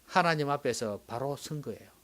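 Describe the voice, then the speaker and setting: A male pastor preaching a sermon, swinging dramatically from loud exclamations to hushed whispers. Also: mid-range voice, lively intonation, moderate pace.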